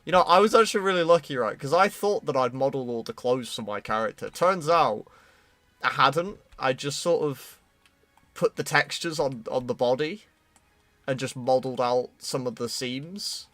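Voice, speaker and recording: A British man streaming his 3D modelling work, chatting casually with a friend in a relaxed, self-deprecating way and cracking dry jokes. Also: mid-range voice, normal speed, dry recording, faint music behind. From United Kingdom. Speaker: streamer, 3D artist. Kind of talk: casual chat while working.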